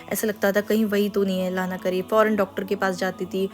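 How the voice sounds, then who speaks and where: A woman hosting her own channel, telling a personal religious testimony in an earnest, confiding, unhurried way. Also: medium pitch, flat delivery, soft background music. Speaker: channel host.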